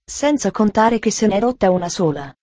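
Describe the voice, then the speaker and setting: A woman's voice: mid-range voice, lively intonation, moderate pace, dark tone, dry recording, close to an everyday voice. A woman reading the part of a cheerful, talkative little girl in an audiobook, with an eager, earnest manner.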